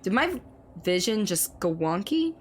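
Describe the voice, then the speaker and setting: A woman streamer chatting through live gameplay commentary, reading and answering chat, her voice slightly hoarse as it recovers. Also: medium pitch, very animated, measured pace, faint music behind.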